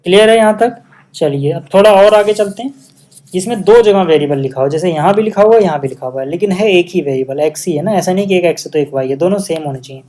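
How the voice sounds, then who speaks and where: Patient Hindi-speaking maths teacher, mellow voice. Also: male voice, high voice, fast talker. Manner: patient, step-by-step explaining with frequent check-in questions; mixes English maths terms into Hindi. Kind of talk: whiteboard maths lesson.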